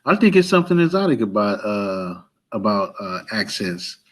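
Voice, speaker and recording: A man's voice: on the low side, sing-song, normal speed, poor audio. A man chatting casually as a guest, playful and hesitant, with many fillers. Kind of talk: casual podcast chat.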